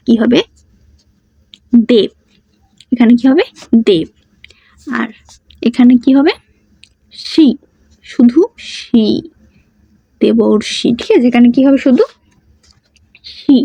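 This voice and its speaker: A woman's voice: on the high side, warm tone, no room sound. A woman teaching a grammar lesson. She asks questions and answers them herself, and she repeats the key words. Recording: dull muffled sound, dry.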